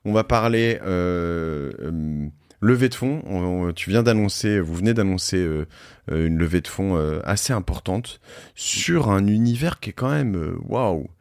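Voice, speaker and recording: A man's voice: deep voice, expressive, unhurried, darkish tone, smooth. A man hosting a podcast interview in a joking, rambling, informal way. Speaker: podcast host. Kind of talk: casual interview.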